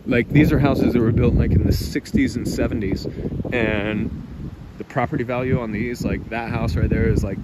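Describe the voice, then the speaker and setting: A man's voice: medium pitch, fairly even intonation, normal speed. An American man hosting a casual, rambling live vlog outdoors on a residential street, talking in a blunt, offhand, profane way. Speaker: livestream host. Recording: loud wind and outdoor rustle.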